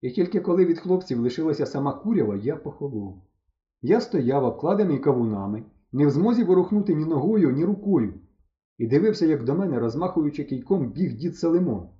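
A man reading a humorous story aloud in the first person, with lively, mock-dramatic narration. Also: a little high, fairly quick. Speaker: audiobook narrator. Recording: dull lo-fi recording.

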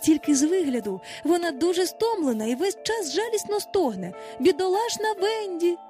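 A woman voicing a boastful, excitable young lost boy in a storybook reading, talking in excited exclamations. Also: very high-pitched, normal speed, faint music behind, pitched above the performer's own voice.

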